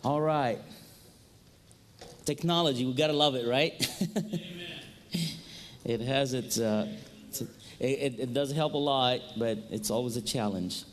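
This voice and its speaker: An Egyptian man, a native Arabic speaker with an Egyptian accent, gives an earnest seminar talk built around storytelling in a hall, using a handheld or stand microphone. His voice is medium-pitched and measured, with long pauses and slight background noise.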